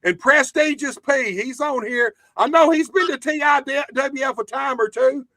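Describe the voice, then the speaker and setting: Very high, bright, cracking Southern man's voice. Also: unhurried, dry recording. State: voice cracking after flu in the household. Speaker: host of a wrestling interview show. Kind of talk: casual, profane host chat.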